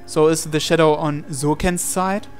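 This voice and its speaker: In an unhurried, fairly high voice with fairly even intonation, a let's player reads a visual novel's on-screen text aloud. His narration is dramatic, and music plays behind it.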